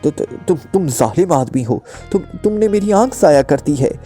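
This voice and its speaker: A man's voice: a little high, expressive, moderate pace, warm tone, faint music behind, pitched above the performer's own voice, natural voice. A man voicing a terrified male thug who stammers and pleads in panic. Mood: panicked stammer.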